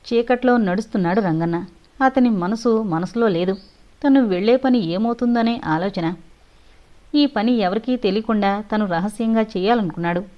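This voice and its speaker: A woman reading a suspense audio novel in a steady storytelling voice. The recording is dull and lo-fi. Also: mid-range voice. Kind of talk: scripted narration.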